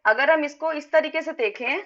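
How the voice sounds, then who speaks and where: एक महिला रसायन शिक्षिका ऑनलाइन कक्षा में क़दम-दर-क़दम समझाती है, गिनती ज़ोर से बोलती है और छात्रों के सवालों का जवाब देती है, हल्का हिंदी लहजा है।. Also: female voice, high voice, normal speed, a bit bright. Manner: explains step by step, counts aloud, answers students. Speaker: chemistry teacher. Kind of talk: live online class. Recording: dull lo-fi online lesson audio.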